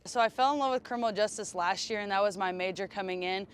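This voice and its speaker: A young woman, a college softball player, answering interview questions casually with many fillers. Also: mid-range voice, quick pace, smooth. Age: young adult.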